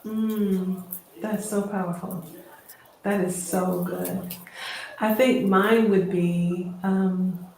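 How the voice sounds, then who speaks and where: A woman hosting a casual live-stream chat as an energy healer, speaking in effusive, drawn-out phrases. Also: medium pitch, steady tone, darkish tone. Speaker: host and Reiki energy healer. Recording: echoey room with faint noise.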